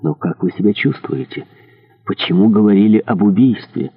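A man voicing a bustling noble prince who talks in a hurried, effusive way. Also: fairly low pitch, slightly rough, long reverb tail. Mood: eager. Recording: tinny narrow-band audio.

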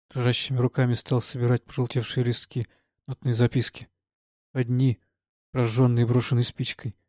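Give me a man narrating a literary audiobook, measured and subdued, with a dry sound. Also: mid-range voice, mellow, dry recording.

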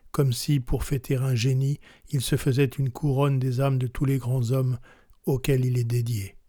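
A man narrating a literary text aloud in a measured, solemn way. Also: mid-range voice, darkish tone, no echo, studio quality. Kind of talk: literary reading.

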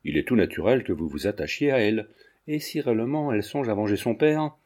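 A poised foreign countess speaks in a cool, clipped, faintly dismissive manner, voiced by a man raising his pitch. Her tone stays mellow and unhurried. She sounds sure of herself and keeps everyone at arm's length. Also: animated.

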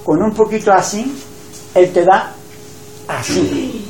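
A man telling a devotional story in a folksy, lively way. His voice sits high for a man, and the room gives it a roomy echo. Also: slow pace, a little hiss or hum. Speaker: spiritual teacher.

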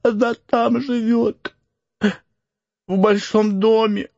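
A man voicing a frightened little boy who pleads through tears in a high, slow voice. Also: little pitch movement, vocal fry, darkish tone, no echo, muffled recording, exaggerated voice. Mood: tearful. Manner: tearful, high-pitched begging.

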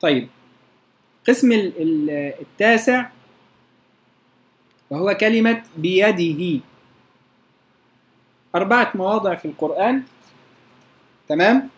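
A teacher with an Egyptian Arabic accent gives a lesson on recitation rules. The teacher slowly intones verse examples and keeps checking that the class follows. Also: mid-range voice, animated. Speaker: teacher of Quranic readings.

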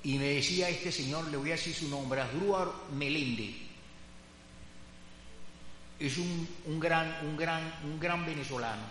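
A man's voice: fairly high pitch, unhurried, long pauses, sharp tone. A man giving a rambling, emphatic testimony in a religious class, repeating his phrases as he goes. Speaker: class participant. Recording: roomy hall with faint hum.

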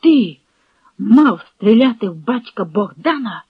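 A hulking Cossack growls short, blunt threats at a captive, as a reader puts him on. The tone stays plain and gruff. The sound is dry and a little muffled. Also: medium pitch, sing-song, a little slow, dry recording, full character voice. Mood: menacing. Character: burly Cossack, blunt and menacing. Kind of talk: audiobook reading with character voices. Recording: dry, dull lo-fi recording.

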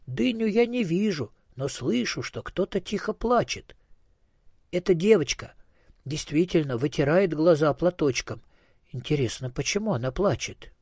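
Man voicing a gentle, curious cucumber for a storybook; raised, slightly husky voice. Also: a little high, lively intonation, dry recording, clean studio sound, pitched above the performer's own voice. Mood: wondering. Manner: wondering, slow storybook delivery.

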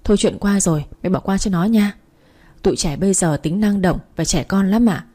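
A woman voicing a middle-aged mother-in-law who calmly smooths things over, in a mellow, slightly husky voice. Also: medium pitch, fairly quick, close to an everyday voice. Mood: soothing.

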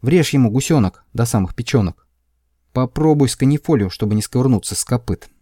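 A man voicing a rowdy mob of winged alien extremists, shouting jeering chants and battle cries. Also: mid-range voice, animated, brisk, no echo, clean studio sound, lightly acted.

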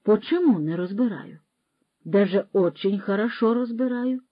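A woman's voice: medium pitch, normal speed, dry recording, lo-fi sound, close to an everyday voice. Woman doing a curt old shopkeeper. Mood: dismissive. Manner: curt, dismissive, mixes in Russian words. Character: stubborn older male village shopkeeper, quick to anger.

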